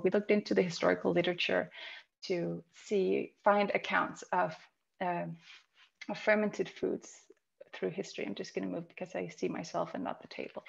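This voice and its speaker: A woman in her thirties from Greenland, a microbiology researcher, giving a measured, explanatory online presentation over a video call. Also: lowish voice, gravelly, dull audio. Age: 30s. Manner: measured, explanatory, occasional ums.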